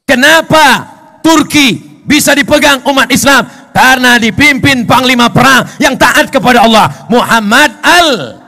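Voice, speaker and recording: A middle-aged Indonesian man preaching a sermon to a gathering, swinging from shouting to low joking asides. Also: expressive, measured pace.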